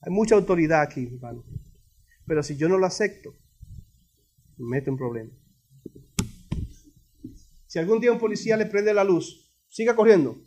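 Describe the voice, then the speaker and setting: Male pastor, very high voice, lively call-and-response preaching with humor. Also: normal speed, pauses often, a little hiss or hum. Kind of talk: sermon. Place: church sanctuary.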